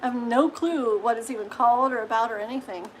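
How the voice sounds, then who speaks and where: A woman's voice: on the high side, fast talker, slight background noise, rough recording. A woman giving a live-stream tarot reading in a chatty, reassuring way, tagging her sentences with "okay?" and laughing easily. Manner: chatty, reassuring, full of "okay?" tags and giggles. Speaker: tarot reader.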